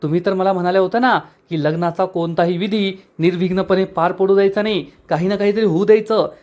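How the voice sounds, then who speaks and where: A man voicing a brash, impatient young servant woman who complains in a whiny, hurried way. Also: high voice, steady tone, a little mellow, muffled recording, lightly acted. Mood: irritated nagging.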